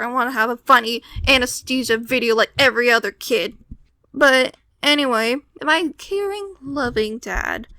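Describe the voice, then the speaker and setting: A woman's voice: high voice, pushed and bright, dry recording. A teenage girl telling a personal story casually, with wry, exasperated complaints and acted-out quotes.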